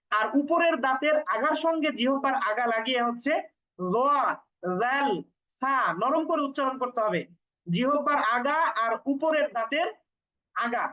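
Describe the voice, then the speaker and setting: A woman teaching Quran pronunciation step by step, patiently explaining and repeating each sound slowly for learners. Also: high voice, a bit bright, low-quality recording.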